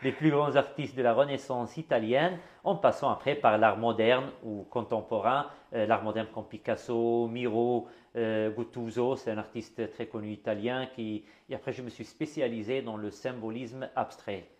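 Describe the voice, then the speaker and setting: A middle-aged man from Algeria, a guest artist in an interview, speaking warmly and repeating words with many fillers. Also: medium pitch, fairly even intonation, normal speed, hardly any pauses. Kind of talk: interview conversation.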